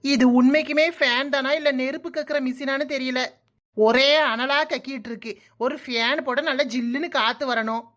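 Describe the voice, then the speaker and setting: A woman's voice: sits high, steady tone, normal speed, a bit bright. A woman voicing a cheeky, lazy young daughter-in-law in a comic cartoon, sarcastic and prone to talking to herself, with a Kanyakumari Tamil accent. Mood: grumbling.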